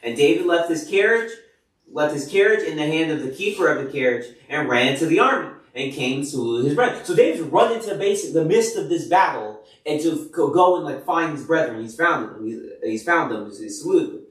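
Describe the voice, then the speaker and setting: Man, casual Bible reading with loose paraphrase, filler-heavy, somewhat high voice, far from mic, very echoey room. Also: lively intonation, brisk. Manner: reads scripture then paraphrases loosely with many fillers. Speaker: Bible reader.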